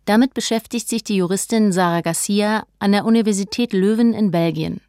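A woman's voice: mid-range voice, warm tone, no echo. Woman narrating a documentary, dry sound. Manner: measured, informative.

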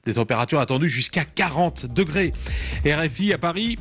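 A man anchoring a radio news bulletin, reading in a measured way with the odd hesitant filler. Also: a little high, expressive, loud music behind the voice.

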